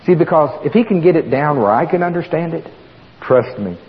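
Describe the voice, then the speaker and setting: A man's voice: on the high side, animated, a little fast. A man with an Oklahoma accent preaches informally as a guest preacher, folksy and plain-spoken, repeating words for emphasis. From Oklahoma, United States. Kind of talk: informal sermon to a congregation. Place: church sanctuary. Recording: reverberant hall, muffled, faint noise.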